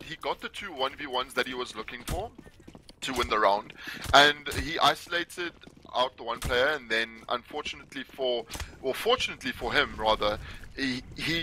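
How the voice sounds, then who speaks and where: A man's voice: medium pitch, pushed and bright. A man giving esports color commentary as co-caster, explaining plays and correcting himself as he goes. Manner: explanatory, self-correcting, with some restarts. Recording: noisy stream audio with game gunfire. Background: game gunfire and clicks.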